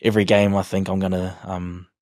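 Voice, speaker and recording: A man's voice: deep voice, little pitch movement, fairly quick, a little mellow, no echo, clean studio sound. A man in his twenties with a broad New Zealand accent, chatting casually in an interview in a laid-back, slangy, hesitant way. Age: 20s. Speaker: rugby league player, podcast guest.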